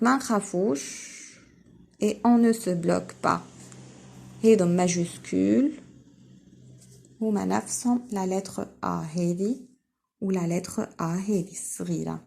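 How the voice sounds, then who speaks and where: A woman with a Tunisian accent teaching a French lesson to young children, saying key words slowly and loudly and explaining quickly in between. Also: medium pitch, gravelly. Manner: spells out syllables slowly and loudly. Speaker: primary school teacher.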